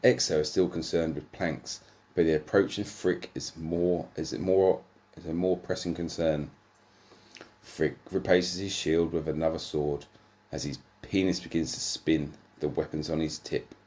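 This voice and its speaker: A man with a low, deep voice reads a comic erotic story aloud. His delivery is deadpan, and he sometimes trips over a line and swears before carrying on. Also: measured pace. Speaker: narrator.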